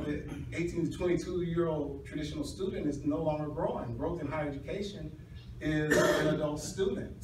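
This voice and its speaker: A middle-aged man giving a hedging, halting academic explanation with restarts, as a doctoral candidate at his defense. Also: on the high side, darkish tone. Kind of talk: academic oral defense, answering questions. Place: small university classroom, indoors. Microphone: distant camera or phone across the room. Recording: echoey room, distant mic, noisy.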